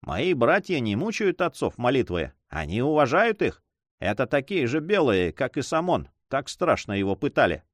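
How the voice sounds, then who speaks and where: Guy reading a proud stern chief, calm and quiet, dry close sound. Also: medium pitch, normal speed, no echo. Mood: grave.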